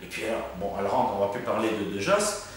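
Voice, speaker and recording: A man's voice: on the low side, quick pace, very echoey, distant mic. A man telling a long personal story in casual conversation, acting out the voices he quotes with lots of fillers and restarts. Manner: lively, acts out quoted voices, frequent fillers. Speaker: medium telling ghost stories. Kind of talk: animated storytelling chat.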